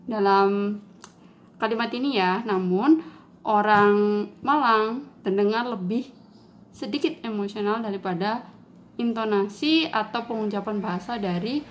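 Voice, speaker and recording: A woman's voice: fairly high pitch, measured pace, pauses often, a little hiss or hum. A young woman from East Java, giving a recorded class presentation and explaining each point step by step. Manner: explanatory, acts out dialect examples. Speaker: student presenter.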